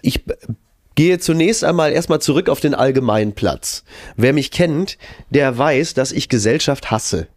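A man's voice: mid-range voice, lively intonation, normal speed, a little mellow, dry recording, studio quality. A man who is sick with a cough, co-hosting a podcast from his living room, chatting casually and rambling with restarts in a self-deprecating way. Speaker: podcast co-host. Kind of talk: casual chat.

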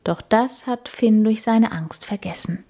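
Slow, soft-spoken woman storyteller. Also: fairly high pitch. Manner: soft, half-whispered and soothing. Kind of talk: calm storybook narration.

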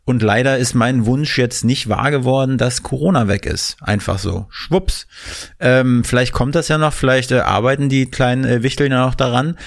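A man's voice: medium pitch, normal speed, gravelly. A male co-host in a casual interview, asking chatty, playful questions.

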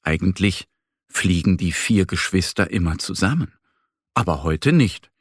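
A man narrating a children's story slowly and with lively intonation, recorded close to the mic. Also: deep voice, slightly rough, dry recording. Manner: slow, animated storytelling.

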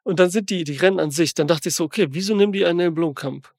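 A man's voice: high voice, rapid-fire, no echo, clean studio sound. A man ranting in a casual podcast chat about a film, rambling and slangy with lots of fillers. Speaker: podcast co-host reviewing a film.

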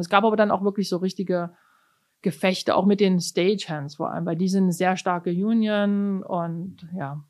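A middle-aged orchestra cellist from East Germany is interviewed casually and answers thoughtfully, with many fillers and restarts. Her voice is medium-pitched with a darkish tone.

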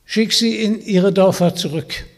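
A man voicing a strong young fairy-tale hero who gives orders and calls out loudly. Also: medium pitch, animated, slow, slightly rough, full character voice. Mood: commanding. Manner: commanding, calling out. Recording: long hall reverb.

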